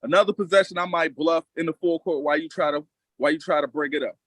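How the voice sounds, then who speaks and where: A man's voice: on the high side, fast talker, a bit bright, dry recording, poor audio. A man with coaching experience breaking down basketball on a casual podcast, talking emphatically and confidently and repeating lines for effect.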